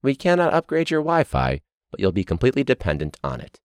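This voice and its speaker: A man voicing a stiff, robotic male school official reading a script in a flat, mock-formal tone. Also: medium pitch, fast, smooth, dry recording, studio quality, voice pushed up.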